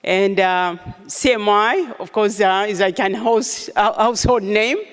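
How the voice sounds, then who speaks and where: A woman's voice: mid-range voice, unhurried, smooth. A woman speaking as an ambassador on a panel, gracious and good-humoured. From Tanzania. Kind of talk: panel discussion remarks. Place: large concert hall stage, live event. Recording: long reverb of a large hall.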